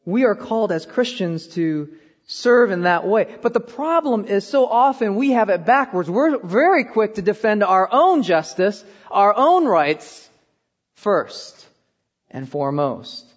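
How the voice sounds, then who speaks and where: A man's voice: high voice, very animated, unhurried, in a large hall, highs cut off. A man, preaching a sermon as pastor and telling self-deprecating stories with frequent "okay?" asides. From born in Korea, raised in Iowa. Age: 30s.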